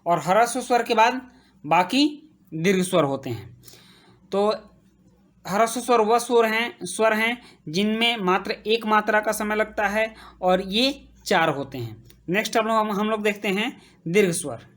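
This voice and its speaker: Slow, patient woman teaching grammar. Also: medium pitch. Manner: slow, repeats terms while writing, checks in with "ठीक". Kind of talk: blackboard grammar lesson.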